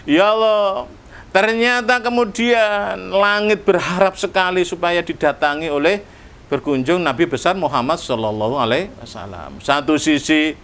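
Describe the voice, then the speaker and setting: A man with an East Javanese accent preaching a sermon to a gathering, joking and animated, often crying out to God. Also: sits high, moderate pace. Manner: joking, animated, frequent "ya Allah" exclamations. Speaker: Islamic preacher. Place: indoor gathering, broadcast.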